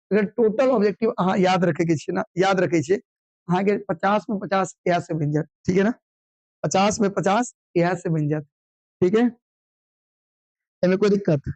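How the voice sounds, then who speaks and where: A man teaching an online exam revision class, firing quick questions and answering them himself, sometimes scolding. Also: high-pitched, a little mellow, no room sound, rough recording. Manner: drilling call-and-response questions, brisk and scolding.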